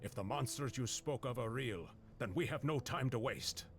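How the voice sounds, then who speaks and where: An actor voicing a grave, middle-aged master monster hunter in a dramatic video game, speaking with measured, serious authority. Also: male voice, medium pitch, lightly acted. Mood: firm, commanding. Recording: music under the voice.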